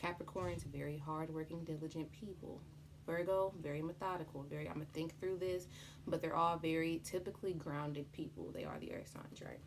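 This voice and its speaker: Casting: woman, low creaky voice, casual tarot tutorial host, chatty and sweary, noisy home recording. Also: fairly even intonation, a little fast. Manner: chatty, informal, swears freely. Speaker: tarot reader presenting a tutorial. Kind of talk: casual, unscripted explainer with slang.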